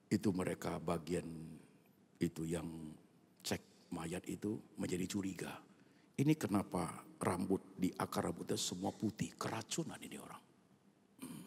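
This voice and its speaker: Gravelly, husky-voiced male pastor preaching. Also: low voice. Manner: animated, swinging from loud outbursts to hushed near-whispers; colloquial, with frequent asides to the congregation. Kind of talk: sermon. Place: church evening prayer service.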